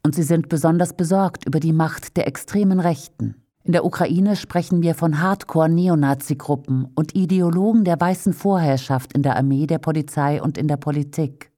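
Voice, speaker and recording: Woman doing a voice-over of a translated interview, low mellow voice, steady measured reading, says who's talking before each part. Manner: reads each speaker's name before their turn, even and measured.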